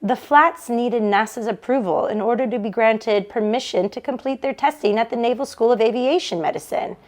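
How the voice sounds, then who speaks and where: An online audience listens as a woman reads a novel aloud for a book club read-along. She's expressive, her voice on the high side, her speed normal.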